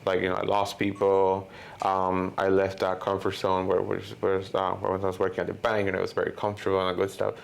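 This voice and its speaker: A man's voice: deep voice, monotone, a little fast, vocal fry. A man in his thirties from Honduras, speaking as the guest in a casual interview and rambling with many "you know" and "like" fillers. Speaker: guest filmmaker.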